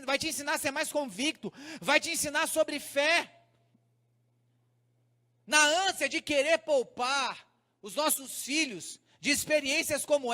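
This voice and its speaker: A man's voice: very high-pitched, bright, forceful tone. A male pastor with a Brazilian Portuguese accent preaching to young people, speaking straight to the crowd and telling stories. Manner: preaching to a crowd, addressing them directly, storytelling. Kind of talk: sermon to a youth congress. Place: large church hall. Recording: hall reverb.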